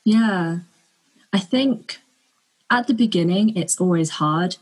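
A young woman speaks in a low, slightly husky voice. She is a guest on a casual podcast and answers thoughtfully, often stopping on a soft "um" before she carries on. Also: slow pace, low-quality recording. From London, England. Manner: thoughtful, with frequent ums. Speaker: guest, architecture student.

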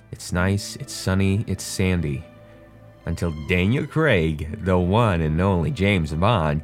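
A young man giving casual, joking film commentary, swearing freely and rambling with restarts. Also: sits low.

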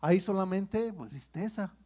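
A man's voice: high-pitched, normal speed, dark tone. A man preaches to his congregation. His delivery is conversational, and he keeps checking in with his listeners as he reads and explains the scripture. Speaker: pastor. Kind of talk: sermon.

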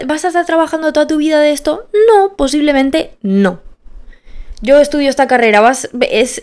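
Young woman, nineteen, podcast host, emphatic, candid, repeats herself for stress, somewhat high pitch. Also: smooth. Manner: candid and personal, self-deprecating. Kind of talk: casual motivational monologue.

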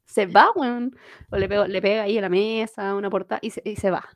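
A Chilean woman in her late twenties telling stories in a casual chat, animated and slangy. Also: medium pitch, fairly quick, no room sound. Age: 20s.

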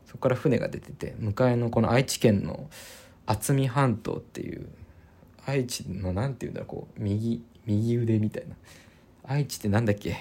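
Man, podcast host, relaxed rambling chat, gravelly husky voice. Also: mid-range voice, moderate pace. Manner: relaxed, rambling, many fillers and restarts. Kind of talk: casual solo podcast talk.

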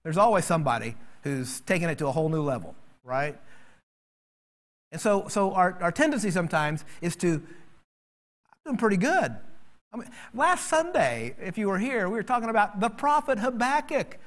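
Pastor guy preaching, slightly high voice, lively, acts out the voices he quotes. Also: fairly quick. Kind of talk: sermon.

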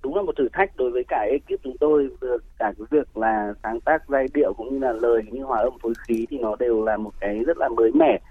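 Male radio guest, mid pitch, hesitant phrasing, thin phone-band sound. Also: quick pace, few pauses, breathy edge. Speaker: guest music producer and songwriter. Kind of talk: radio interview answers. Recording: tinny, narrow phone-like line.

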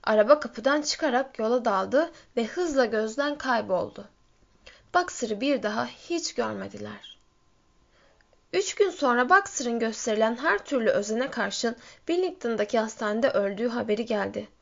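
A woman narrating a story in a steady reading voice. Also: normal speed, gravelly. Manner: steady storytelling, lifts pitch for shouted quotes. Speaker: audiobook reader. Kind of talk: scripted narration. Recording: dull lo-fi recording.

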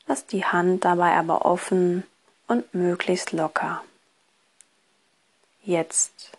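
A woman guiding a relaxation exercise in a soft, partly breathy voice, with a soothing, hypnotist-like delivery. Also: fairly low pitch, a little slow. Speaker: relaxation course instructor. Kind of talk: guided relaxation, scripted instruction.

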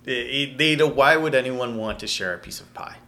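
A man's voice: mid-range voice, a little fast, bright, forceful tone. A man co-hosting a casual podcast, asking questions and posing rhetorical points, often repeating his words.

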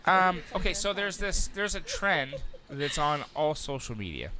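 A man co-hosting a casual podcast on a studio mic, talking in a joking way with quick asides. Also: fairly high pitch, sing-song, over a noisy crowd. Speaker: podcast co-host. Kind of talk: casual chat. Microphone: studio mic with headphones.

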